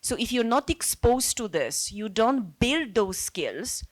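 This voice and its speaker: A native Polish-speaking woman from Poland, an NGO worker, takes part in a group discussion, reflecting and thinking aloud in an informal, earnest way. Her voice is fairly high, very animated, and slow.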